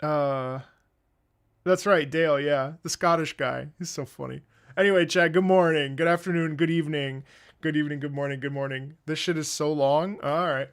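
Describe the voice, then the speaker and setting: A man streaming a game, chatting casually with his viewers in an excitable, rambling way, swearing and greeting people by name. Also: a little high, moderate pace, clear, resonant tone. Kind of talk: casual livestream chat.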